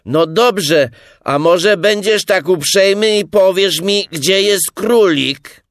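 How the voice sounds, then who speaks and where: Winnie-the-Pooh, high sing-song bear, put on by a man. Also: slow, no echo, studio quality. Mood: calling out. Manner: loud sing-song calling. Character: cheerful simple-minded male teddy bear.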